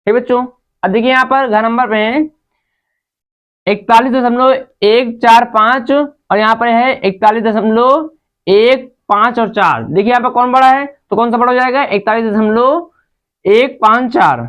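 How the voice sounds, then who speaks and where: A woman's voice: a little high, unhurried. Patient woman teaching children maths. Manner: patient, repeatedly addresses the children. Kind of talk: step-by-step maths lesson for children.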